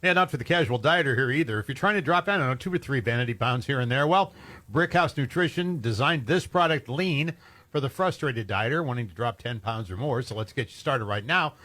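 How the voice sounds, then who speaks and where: A man co-hosting a radio talk show, tossing in wry, quick asides. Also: medium pitch, animated, sharp tone. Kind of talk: casual studio banter and ad reads.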